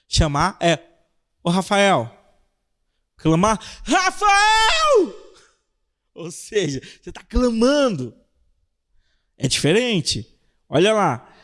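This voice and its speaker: A young Brazilian man preaching to a youth group. His voice sits a little high and swings widely as he acts out cries and pleading prayers, then drops back to teaching. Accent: Brazilian Portuguese. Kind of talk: sermon.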